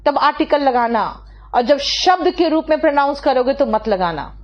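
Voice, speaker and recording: A woman with an Indian accent teaching an English class online, reading students' sentences slowly and correcting them patiently, with fast asides in between. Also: high voice, animated, lo-fi sound. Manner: slow, drawn-out reading of English sentences, quick in Hindi asides.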